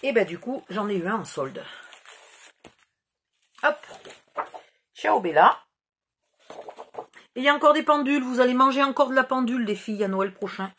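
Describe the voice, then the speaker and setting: A middle-aged woman talks her way through a craft-supply haul in a chatty, rambling manner, restarting and poking fun at herself. Her voice sits fairly high. Faint clicking noises sound behind her. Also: animated, normal speed, pauses often, fairly bright tone, a little hiss or hum. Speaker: scrapbooking YouTuber. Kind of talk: casual haul video chat.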